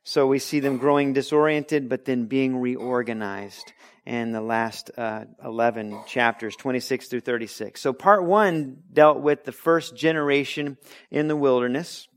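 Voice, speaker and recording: A mid-pitched man preaching in a relaxed, conversational way. He teaches through the scripture with energy and often slips into acted-out voices with big jumps in pitch. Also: measured pace. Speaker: preacher teaching a Bible book. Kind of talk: conversational sermon.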